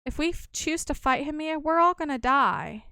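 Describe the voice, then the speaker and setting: A woman's voice: sits high, normal speed, pushed and bright, no room sound, clean studio sound. A woman voicing an anxious, pleading young man in a video game. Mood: worried. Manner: worried, pleading. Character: anxious protective young male mage.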